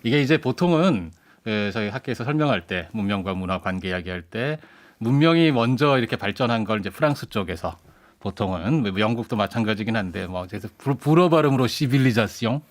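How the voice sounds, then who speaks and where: A man's voice: lowish voice, expressive, brisk. A man who is a guest commentator in a radio studio, explaining ideas in a lecturing way with hesitant restarts. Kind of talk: radio current-affairs discussion.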